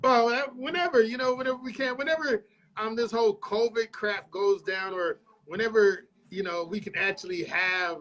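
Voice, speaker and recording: A high-pitched man hosts a loose, joking radio interview, rambling and cursing freely. He has a frog in his throat. The sound is muffled, like a livestream capture. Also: moderate pace, a bit bright. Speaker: radio host and DJ. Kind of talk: casual radio interview chat.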